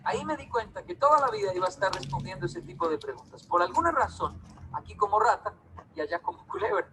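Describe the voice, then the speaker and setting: Brief: man, high animated speaker, stage storytelling, noisy hall. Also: quick pace. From Colombia. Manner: animated, acts out quoted dialogue in different voices. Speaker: public speaker. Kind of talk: storytelling talk to a live audience.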